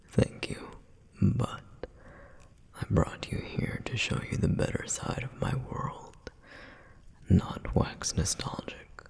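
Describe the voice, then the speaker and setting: A man takes on the role of a protective, dutiful male flame demon for ASMR, his soft whisper wistful and thoughtful. He goes at a slow pace with long pauses, acting it only lightly.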